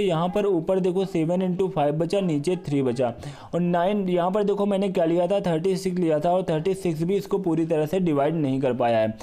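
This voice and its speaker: A man's voice: sits high, mellow. Man teaching math step by step. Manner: repetitive, step-by-step explaining, addresses viewers as brother. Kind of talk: exam-prep math lesson.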